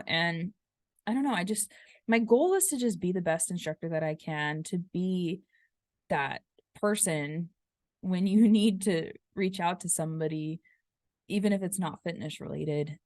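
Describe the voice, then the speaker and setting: A woman's voice: on the low side, a little mellow, no echo. A young woman fitness instructor hosting a casual solo show, talking in a chatty, rambling way with many fillers and restarts. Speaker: podcast host and fitness instructor.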